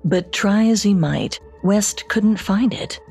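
A woman co-hosting a podcast, reading scripted true-crime narration with measured storytelling delivery. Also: medium pitch, creaky, a little mellow, slightly rough, faint music behind. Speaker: podcast co-host.

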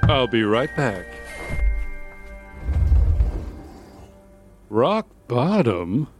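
An actor playing a vain, flustered middle-aged lothario in a comedy audio drama, with a hammy delivery. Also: male voice, mid-range voice, big pitch swings, slow pace, music in the background. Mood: smooth, soothing.

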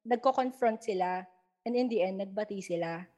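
A woman's voice: mid-range voice, moderate pace. Young Filipina woman, guest storyteller, chatty, code-switching, acts out quotes. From Philippines. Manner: mixes English into Tagalog, animated retelling with quoted dialogue. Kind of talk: casual storytelling chat.

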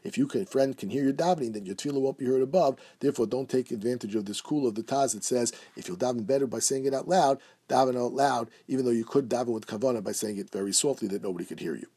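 Fast-talking husky man teaching halacha. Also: medium pitch, mellow. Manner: reads Hebrew and Aramaic quotes, then explains in English. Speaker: Torah teacher. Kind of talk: halacha class, reading and translating texts.

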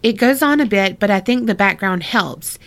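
A woman's voice: medium pitch, animated, moderate pace. A woman co-hosting a podcast, chatting casually, reading a listener's story aloud, laughing often and swearing freely.

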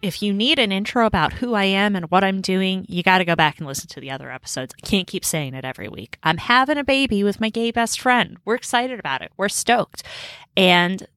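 A woman's voice: medium pitch, a little fast, a bit bright, dry recording. A woman in her thirties chatting casually as a podcast host, bubbly, slangy and rambling, recording indoors on a boat. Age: 30s. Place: indoors in a room on a river boat.

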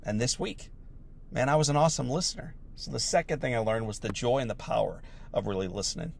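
This is a fast-paced motivational talk from a slightly hoarse man who hasn't fully recovered from laryngitis. His mid-range voice is earnest and reflective, he repeats important phrases for emphasis, and a faint hiss or hum sits in the recording.

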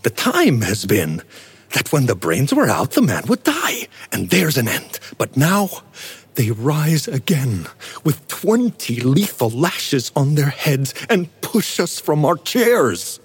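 A man's voice: medium pitch, wildly swooping pitch, slow, slightly rough, heavily acted. An actor playing a guilty, haunted king at a feast, declaiming in a Shakespearean stage style with agitated outbursts. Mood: brooding.

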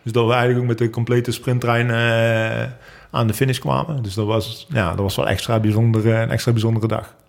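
A man's voice: mid-range voice, flat delivery, fairly quick, creaky. A man in his thirties, a professional cyclist, answering interview questions at length in a hesitant way, with lots of ums and restarts. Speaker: professional cyclist, sprint lead-out rider. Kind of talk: interview answers recalling races.

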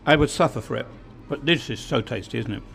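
A man's voice: mid-range voice, fast, gravelly, a bit bright. A man hosting a podcast, talking in a chatty, joking way while he tastes food. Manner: chatty, jokey. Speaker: podcast host. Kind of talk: casual podcast chat.

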